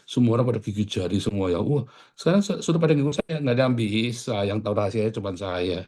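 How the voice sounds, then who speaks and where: A male pastor delivering a sermon in an animated way. He swings from loud, raised lines to soft, quiet asides. Casual street slang slips into his preaching. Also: lowish voice, fast.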